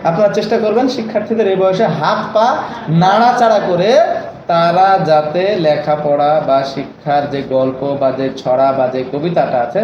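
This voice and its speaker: High-voiced man coaching teachers in an echoey room. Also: normal speed, a little mellow. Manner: coaxing, keeps asking for agreement. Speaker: teacher trainer. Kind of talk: training session lecture. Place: training room. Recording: echoey room, dull lo-fi, noisy.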